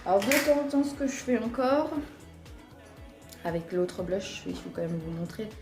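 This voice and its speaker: A woman's voice: mid-range voice, expressive, normal speed, a little mellow, faint music behind. Chatty Alsatian woman in echoey room. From Alsace, France. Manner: chatty, frequent fillers, talks while applying makeup. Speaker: beauty vlogger. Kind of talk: casual makeup tutorial.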